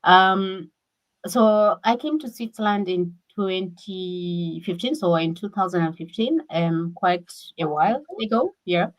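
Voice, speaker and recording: A woman speaks over a video call with a somewhat low voice. She talks haltingly, restarting her phrases again and again as she chats. She is a guest in a relaxed conversation. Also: low-quality recording. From Kenya. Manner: halting, with many repeated restarts. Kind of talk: casual conversation.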